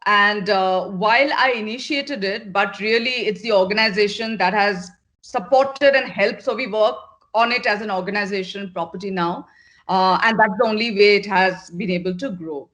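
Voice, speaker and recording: A middle-aged woman from Northeast India, a managing partner at an agency, answers interview questions in an earnest, direct manner. Her voice is mid-range and fairly bright, her pace moderate, and she often repeats words for emphasis.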